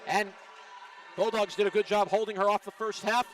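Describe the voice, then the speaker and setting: A man calling a college women's basketball game play by play, with rapid, excited calls of each play. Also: high-pitched. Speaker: play-by-play announcer. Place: college gym. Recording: distant mic with faint gym noise.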